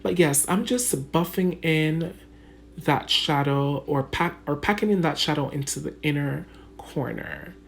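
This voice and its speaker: There's a bit of background noise as a woman with a Jamaican accent, a beauty vlogger, talks through her makeup routine in a home room lit brightly. Her low-pitched voice is expressive, with vocal fry and a measured pace, and her manner is chatty and casual, full of laughter and "guys" aimed right at viewers.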